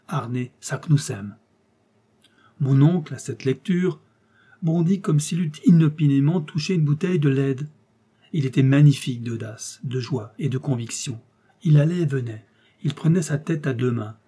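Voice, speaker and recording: A man narrating a classic adventure novel in the first person, with expressive, measured storytelling. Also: medium pitch, breathy edge. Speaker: audiobook narrator.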